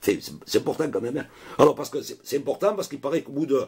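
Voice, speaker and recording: A man's voice: mid-range voice, lively intonation, fast, a little mellow, slightly rough. A man telling a rambling, chatty story to camera in a casual vlog, full of swearing and asides. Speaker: vlogger.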